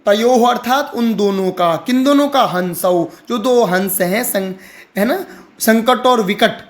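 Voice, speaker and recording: A man teaching how to read and pronounce Sanskrit, explaining patiently and repeating words for the learner. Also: high voice. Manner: slow, deliberate chanting of Sanskrit lines. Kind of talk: explaining reading and pronunciation.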